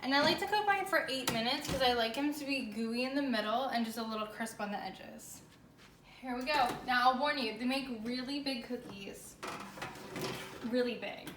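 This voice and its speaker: A woman's voice: fairly high pitch, normal speed. An American woman chatting casually and enthusiastically through a home baking demonstration in an informal, chirpy way. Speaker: host of a home baking show. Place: indoors, home kitchen. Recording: echoey room with faint background noise.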